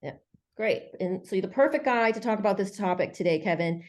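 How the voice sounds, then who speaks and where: A woman's voice: mid-range voice, animated, brisk, darkish tone. A woman hosting an online webinar in a chatty, friendly way, with many fillers. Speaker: webinar host.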